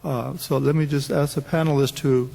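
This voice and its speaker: A man moderating a symposium panel and putting questions to the panelists in a measured way. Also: mid-range voice, steady tone, creaky, mellow. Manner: measured, with a few restarts. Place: conference hall. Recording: long reverb of a large hall.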